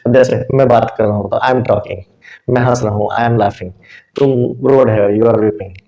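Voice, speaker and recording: A man's voice: on the low side, measured pace, mellow. A man teaching a spoken English lesson, explaining step by step with examples and answering his own questions. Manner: asks questions and answers them himself. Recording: dull, lo-fi recording.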